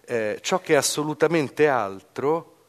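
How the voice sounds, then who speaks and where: A man giving a thoughtful literary commentary, pausing often with hesitations. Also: fairly high pitch, expressive, long reverb tail.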